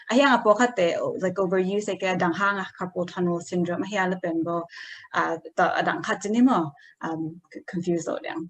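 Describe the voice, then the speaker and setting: A woman giving an informal health talk, explaining slowly and hesitantly, dropping in English medical terms. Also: fairly low pitch, steady tone.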